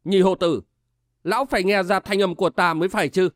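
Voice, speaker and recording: A man's voice: high-pitched, steady tone, a little fast, dry recording, studio quality, lightly acted. A man voicing an agitated young nobleman who speaks urgently and commandingly.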